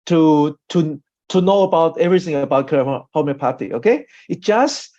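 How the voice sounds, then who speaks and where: A doctor from Austria, not a native English speaker, gives an informal online training talk over a video call, his voice on the high side, mellow, with lively intonation. He speaks haltingly, repeats himself, and keeps checking in with a questioning "okay?", all through dull, lo-fi call audio.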